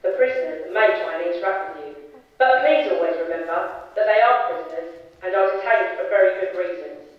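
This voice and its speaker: A man's voice: sits high, brisk, close to an everyday voice. A man playing a formal male prison announcer addressing a theatre audience, heard in an echoey theatre. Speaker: actor in a student stage play. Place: theatre stage. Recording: echoey theatre, mic far off, dull sound.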